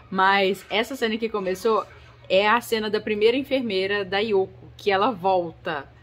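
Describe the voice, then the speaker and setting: A woman's voice: mid-range voice, moderate pace, a bit bright, faint music behind. A woman casually talking her viewers through a horror film, chatty and direct, often checking in with them. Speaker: YouTuber reviewing a horror film. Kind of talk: casual film commentary vlog.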